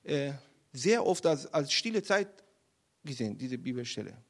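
A man preaching a sermon, retelling a Bible chapter with emphatic, animated storytelling. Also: mid-range voice, normal speed.

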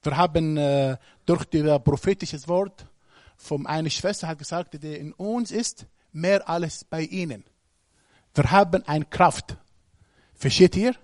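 A man's voice: a little high, measured pace, a little mellow, no echo, clean studio sound. A man preaching a sermon, speaking emphatically and putting questions straight to the congregation.

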